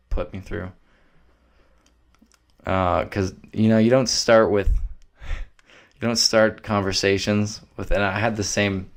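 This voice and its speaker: A young man, hosting a solo podcast in a loose, rambling, profane way. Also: low voice. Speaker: podcast host.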